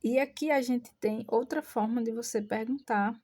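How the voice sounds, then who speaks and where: A Brazilian woman giving a casual online English lesson, explaining patiently and repeating English words slowly for learners. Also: a little high, a little mellow. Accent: Brazilian Portuguese. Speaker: English teacher.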